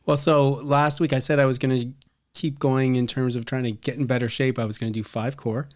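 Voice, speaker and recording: A middle-aged man with a Canadian accent co-hosts a podcast, chatting casually and telling rambling anecdotes. His voice is medium in pitch, level in tone, and brisk.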